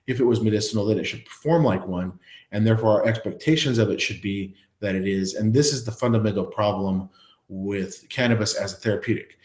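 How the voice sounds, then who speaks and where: A man's voice: fairly low pitch, a little mellow, reverberant. A man hosting a live online presentation, talking it through with many fillers and restarts. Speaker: presenter of a live web session. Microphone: earpiece in, talking to an online audience.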